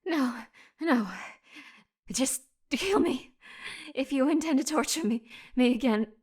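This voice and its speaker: Woman performing a female elf archer, fantasy audiobook, weak, breathy, slow, stammering, frightened, defiant. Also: high-pitched, darkish tone, pitched above the performer's own voice, full character voice. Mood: frightened pleading. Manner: halting, stammering, pleading. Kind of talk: dramatic fantasy audiobook reading.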